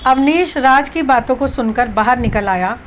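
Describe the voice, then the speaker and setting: A high-pitched woman narrates a dramatic family story, voicing its characters' dialogue in her own voice as she goes. The recording sounds a little dull, with a faint hiss of room noise behind her. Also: moderate pace.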